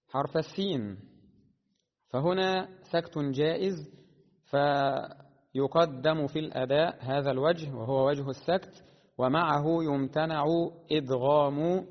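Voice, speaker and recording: Man teaching Quran recitation rules. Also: fairly high pitch. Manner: deliberate, slows to chant verses melodically. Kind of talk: explanatory lesson with chanted recitation examples. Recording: dull lo-fi sound with long reverb.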